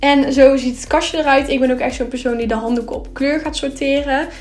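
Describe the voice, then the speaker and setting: A young woman talks through her cleaning routine in a friendly, casual voice-over, with an easy "ehm" here and there. Her voice sits a little high. Light music plays quietly beneath her. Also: steady tone, brisk. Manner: chatty and upbeat, with filler words. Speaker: vlogger.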